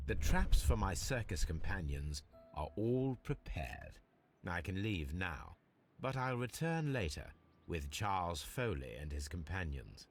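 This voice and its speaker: A self-assured gentleman detective from a video game. He speaks in a deep, expressive voice with measured, formal precision and a calculating air, over faint noise. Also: full character voice.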